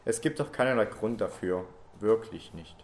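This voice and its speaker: A man reading a story aloud, voicing the comforting ghost of a lost loved one who softly urges the listener not to give up. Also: lowish voice, lively intonation, moderate pace, a little hiss or hum, natural voice. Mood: urging.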